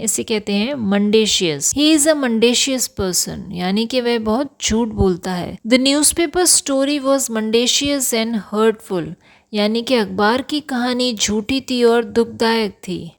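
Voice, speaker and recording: Woman teaching vocabulary, slightly high voice. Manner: reads English example sentences slowly and deliberately; corrects pronunciation, repeating each word. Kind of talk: vocabulary lesson.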